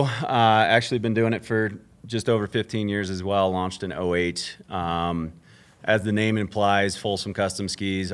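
A man speaking as a company founder on a live panel, steady and businesslike. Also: sits low. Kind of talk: panel talk. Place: stage before a live audience.

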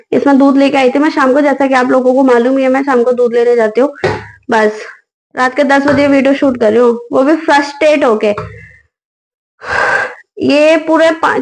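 A woman's voice: high voice, low-quality recording. A young woman, a tired and hungry mother, talking frustrated and weary straight to the camera in a casual home vlog, filmed at home at night. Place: home bedroom and kitchen at night. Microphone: phone camera on tripod.

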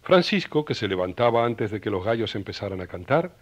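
An actor narrating a religious radio serial in a folksy, old-style storytelling manner. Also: male voice, lowish voice, very animated, brisk, dry recording.

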